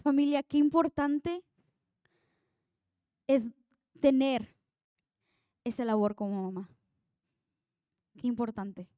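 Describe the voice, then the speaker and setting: A young woman preaches an earnest sermon in a conversational way, telling stories from her own life. Her voice sits fairly high and sounds mellow and smooth. The sound is dry and close, with little room echo. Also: slow pace, pauses often.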